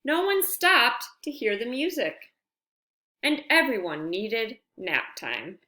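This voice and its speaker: With friendly asides along the way, a woman reads a picture book aloud for young kids in expressive, deliberate phrasing. Her voice is on the high side, and the room is echoey.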